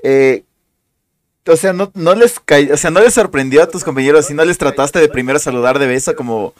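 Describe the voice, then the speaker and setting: Relaxed Quito man asking questions. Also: fairly high pitch, fairly quick. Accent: Quito Ecuadorian Spanish. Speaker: host. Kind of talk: casual interview.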